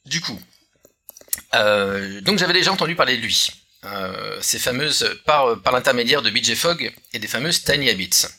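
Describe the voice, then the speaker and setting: Very bright, husky male podcast host. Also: medium pitch, lively intonation, moderate pace. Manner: hesitant, many filler sounds and restarts. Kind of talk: casual podcast chat.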